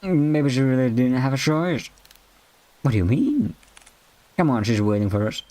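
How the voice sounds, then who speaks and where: A man's voice: mid-range voice, animated, normal speed, warm tone. Jokey man narrating a game. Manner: jokey, sarcastic asides. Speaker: game streamer. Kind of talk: let's-play narration and commentary.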